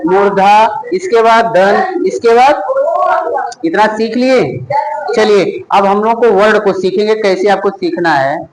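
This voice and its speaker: A man teaching a class, asking a question and then giving the answer himself, spelling out each item slowly and one by one. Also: high-pitched, roomy sound, a little hiss or hum, low-quality recording. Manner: repetitive question-and-answer drilling, slow deliberate spelling out. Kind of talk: classroom lesson with call-and-response drilling.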